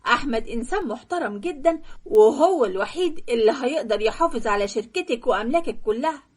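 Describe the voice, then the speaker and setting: A woman's voice: a little high, animated, quick pace, darkish tone. A woman voicing a friendly, persuasive young male friend with an Egyptian accent in a cartoon story. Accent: Egyptian Arabic. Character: loyal talkative male friend, young man.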